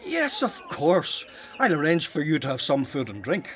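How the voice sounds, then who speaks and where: A respectful village father in a radio play, anxious before an important guest. He speaks hesitantly and deferentially, with a lively, raised voice. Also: on the high side, normal speed. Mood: uneasy. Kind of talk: radio drama acting.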